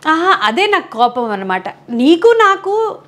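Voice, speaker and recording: A woman's voice: extremely high pitch, big pitch swings, unhurried, a bit bright. A woman with a Visakhapatnam Telugu accent, speaking candidly in an interview and acting out what others said. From Andhra Pradesh. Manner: emphatic, acts out quoted dialogue.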